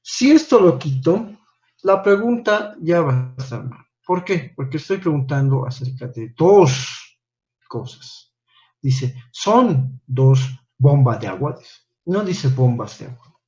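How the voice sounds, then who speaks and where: A man's voice: fairly high pitch, expressive, a little slow, darkish tone, lo-fi sound. A man teaching an English class online, patiently correcting homework and checking in with "¿no?" after each point.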